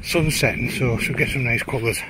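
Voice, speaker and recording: A middle-aged Teesside man rambles in a chatty, self-deprecating way, short of breath as he hikes along a trail. His voice sits at an ordinary middle pitch. Clear wind noise from the outdoors rushes across the handheld camera mic. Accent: Teesside English. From Teesside, England. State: out of breath from hiking. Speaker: photographer vlogger. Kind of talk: casual walking vlog. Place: outdoors on a windy highland lochside trail.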